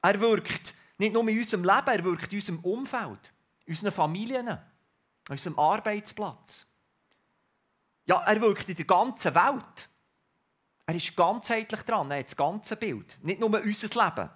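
A man preaching a sermon in an earnest, reflective way with pauses. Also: sits high, animated, a bit bright.

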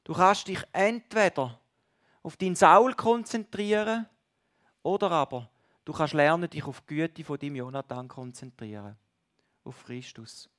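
Speaking directly to his congregation in a high voice, a man delivers a sermon that swings from forceful stresses to quiet, hushed passages.

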